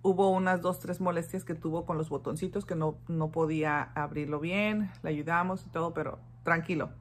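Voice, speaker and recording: A woman, a mother casually retelling a story to her viewers, animated and warm, acting out quoted dialogue. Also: sits low, moderate pace, slight background noise. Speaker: mother vlogging about her daughter.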